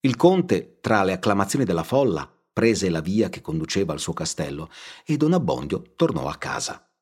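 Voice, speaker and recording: A man narrating a classic novel aloud in a measured, steady audiobook reading. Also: deep voice, slightly rough.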